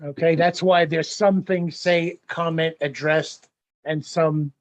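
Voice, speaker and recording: A man with a fairly high voice and fairly even intonation speaks slowly as he presents his site plans to a village board. His explanation at this public meeting is practical and plain-spoken, captured in lo-fi meeting audio.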